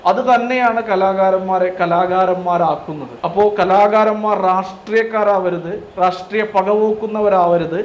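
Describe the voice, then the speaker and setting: A man's voice: high voice, moderate pace, hardly any pauses. A man giving earnest, critical opinion commentary with emphatic phrasing. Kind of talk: opinion commentary on celebrity news. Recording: echoey room with faint noise.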